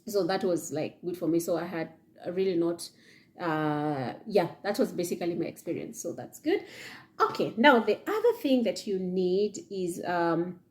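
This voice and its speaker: In a fairly low, expressive voice at normal speed, a young Kenyan woman gives casual advice to her camera. She sits in an indoor room before a leather chair, regularly checking in with "okay?" and "yeah?" in her Kenyan accent.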